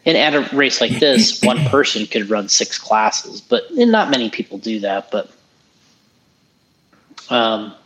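A very animated man with a mid-range, slightly bright voice speaks a little slowly and pauses often, though the audio is poor. As a casual podcast co-host, he rambles easily about an RC race, often restarting what he's saying mid-commentary.

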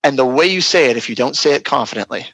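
A man's voice: medium pitch, expressive, very fast, bright, forceful tone, slightly rough, no room sound, rough recording. A man, a real estate agent, explaining how to handle client objections in an earnest, practical teaching tone during a webinar interview.

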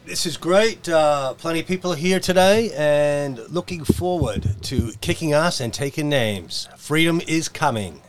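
A man's voice: fairly high pitch, lively intonation, measured pace, hardly any pauses. A man with an Australian accent chatting casually on a podcast panel in a blunt, colloquial manner. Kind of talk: casual chat.

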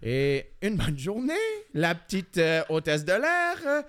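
Quebec guy doing a cheesy france-french accent, high voice that swoops all over. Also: wildly swooping pitch, slow pace, fairly bright tone, full character voice. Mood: mock-French joking. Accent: put-on France French. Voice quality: overdoes "du coup" and "putain". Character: man faking a France French accent telling a joke.

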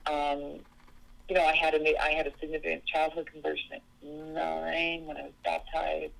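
A woman's voice: sits low, level tone, normal speed, vocal fry, a bit bright, poor audio. A woman from Seattle, speaking as an interview guest in an earnest, reflective way. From Seattle, USA. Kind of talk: interview conversation.

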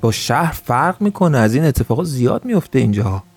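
A man's voice: medium pitch, big pitch swings, darkish tone. A man doing an eager young officer. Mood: deferential. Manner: quick, polite, apologetic.

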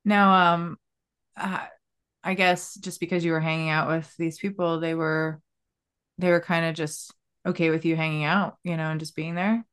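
A woman hosting a podcast, chatty and relaxed as she asks her guest open questions. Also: low-pitched, normal speed, smooth. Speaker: podcast host. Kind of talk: casual interview.

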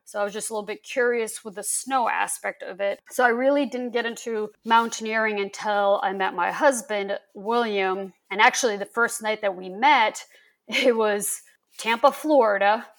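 A woman from Lithuania, a guest on a podcast, telling stories in a lively, animated, casual way. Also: mid-range voice, moderate pace. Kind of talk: casual interview chat.

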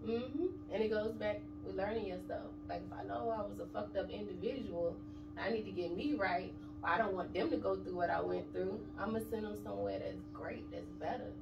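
This woman in her thirties has a gravelly mid-range voice, talks fairly quickly, and the sound is lo-fi. As an interview guest, she discusses her kids and money in a casual, blunt, streetwise and emphatic way, captured on a distant mic in an echoey, noisy room.

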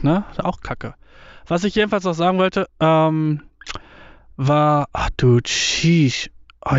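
A man's voice: fairly high pitch, dry recording. A young man vlogging casually outdoors in a windy field, rambling in slang with lots of swearing and English words, recorded on a mobile setup. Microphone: mobile phone setup. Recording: dull, lo-fi phone audio.

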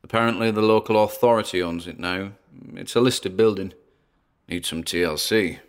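A low-voiced British man, speaking at a moderate pace, plays a wary paranormal investigator who narrates his exploration in a podcast-style audio drama. He's chatty and wry, tossing in theatrical asides.

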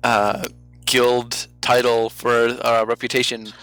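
A man's voice: medium pitch, little pitch movement, slow, a bit bright, no room sound, low-quality recording. A man hosting a podcast and narrating a guild story as game master, hesitant and full of ums. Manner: hesitant, lots of ums and uhs.

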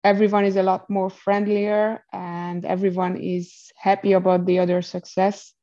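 A woman's voice: mid-range voice, little pitch movement, moderate pace, warm tone, dull audio. A woman from Hungary with a Hungarian accent, explaining in a conversational interview and searching for words as a non-native speaker. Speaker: interview guest, equestrian rider.

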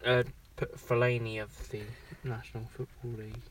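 A man's voice: mid-range voice, flat delivery, a little fast. A young man co-hosting a casual podcast from a parked car, dry and blunt, swearing freely. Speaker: podcast co-host. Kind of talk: casual banter. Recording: distant, dull mic in a noisy car.

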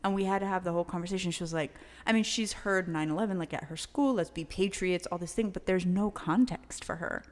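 A woman in her thirties co-hosting a podcast, chatting casually and telling stories in an animated way. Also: fairly low pitch, fast, hardly any pauses, long reverb tail. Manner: animated storyteller, frequent likes. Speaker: podcast co-host. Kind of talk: casual chat.

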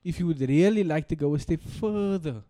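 A South African man with a voice a little higher than most hosts a podcast. His talk is casual banter, laddish and peppered with bro slang. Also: moderate pace, warm tone. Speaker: podcast co-host.

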